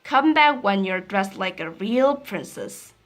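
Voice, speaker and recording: A woman's voice: mid-range voice, expressive, slow pace, fairly bright tone. A woman voicing a vain, fussy young prince from a storybook, disdainful and scolding. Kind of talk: storybook character voice.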